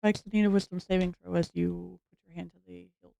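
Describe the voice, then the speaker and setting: A game master running a tabletop game, setting scenes in a measured, dramatic way and chatting between them. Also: medium pitch, level tone, vocal fry, dark tone, dull audio.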